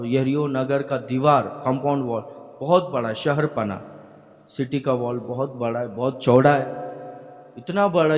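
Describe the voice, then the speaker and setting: A man's voice: mid-range voice, lo-fi sound. A male pastor preaching a sermon to his congregation, with emphatic delivery, frequent hallelujahs and questions thrown to the listeners. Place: church hall. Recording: long hall reverb.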